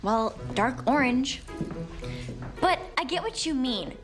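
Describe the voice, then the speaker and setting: A spoiled teen girl in a TV family comedy. She is breezy, wheedling and melodramatic, with a high, swooping voice over music. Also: animated, slow. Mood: earnest, defensive. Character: spoiled, dramatic, fashion-loving teenage girl. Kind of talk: television family comedy acting. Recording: music clearly behind.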